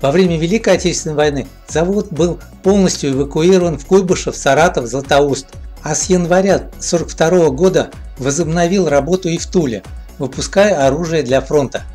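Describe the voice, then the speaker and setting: A male narrator reads a scripted documentary voice-over in a steady, even manner. His voice sits a little higher than most men's. Soft music plays faintly beneath him. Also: fairly quick.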